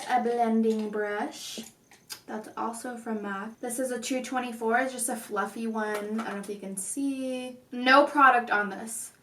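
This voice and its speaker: High-voiced woman tutorial host in echoey room. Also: a little hiss or hum. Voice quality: slightly odd, constrained articulation. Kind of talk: casual tutorial talk. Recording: echoey room, distant mic.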